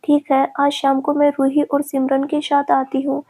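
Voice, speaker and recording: A woman's voice: sits high, completely flat delivery, moderate pace, warm tone. A woman voicing a teasing, affectionate young woman in love, in a storybook reading.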